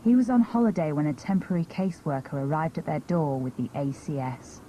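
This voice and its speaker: Female documentary narrator, warm low voice, measured scripted read, faint background hiss. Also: rough recording. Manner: measured, even delivery.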